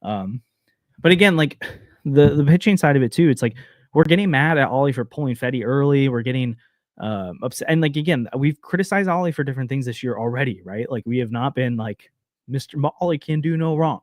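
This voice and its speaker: A man co-hosting a casual sports podcast, hedging a lot with fillers and quick restarts. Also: medium pitch, expressive, no echo, studio quality. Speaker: podcast co-host.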